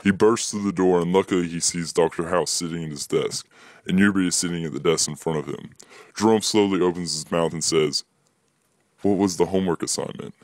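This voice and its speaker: Deep-voiced young man reading a story. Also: steady tone, a little fast, no room sound. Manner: plain reading, voices dialogue with higher pitch. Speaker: student reading his own story. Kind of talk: reading a written story aloud.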